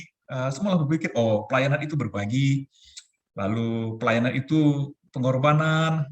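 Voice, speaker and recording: A man in his forties giving a relaxed, chatty youth talk over a video call, laughing often. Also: medium pitch. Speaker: youth ministry speaker.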